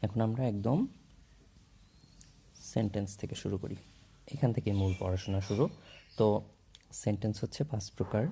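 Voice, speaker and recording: A man's voice: on the low side, fairly even intonation, brisk, vocal fry, long pauses, dark tone, a little hiss or hum. A man explaining English grammar in a casual classroom way, mixing in English terms and checking in with "okay?" often while he writes. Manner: writes on a board while talking.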